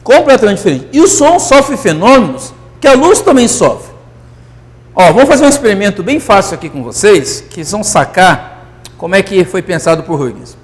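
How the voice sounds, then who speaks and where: A man teaching physics in a classroom lecture, euphoric and animated, constantly checking that students follow. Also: high-pitched, normal speed, in a large hall.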